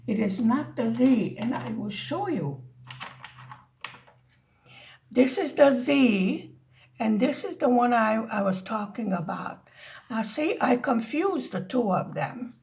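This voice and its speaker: A craft vlogger from the United States with a slight Hungarian-American accent chats casually and rambles to her viewers while demonstrating a craft. Her voice is slightly high and a little mellow, with lively intonation, vocal fry, a slow pace and frequent pauses.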